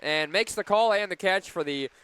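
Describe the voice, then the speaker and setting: A man with a smooth voice calls live softball play-by-play on radio. He stays measured between pitches and gets animated on big plays.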